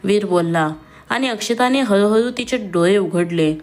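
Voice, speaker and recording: A woman reading a family love story aloud, voicing each character in her own voice with dialogue pitched a little higher. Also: moderate pace, a little mellow. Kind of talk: scripted story narration.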